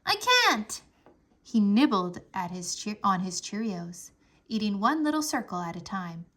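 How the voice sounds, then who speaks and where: A woman reading a children's chapter book aloud, narrating in an expressive, animated way. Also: mid-range voice, moderate pace.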